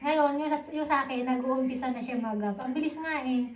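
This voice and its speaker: A woman's voice: high voice, brisk, echoey room. A young woman with a Filipino accent chatting casually and informally with viewers on a live stream.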